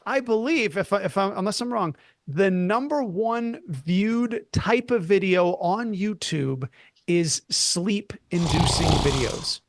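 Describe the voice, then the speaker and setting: A man co-hosting a casual comedy podcast, animated and talking in bursts that trip over themselves. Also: sits high, takes it slowly. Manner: animated, self-interrupting, talks in bursts. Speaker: podcast co-host.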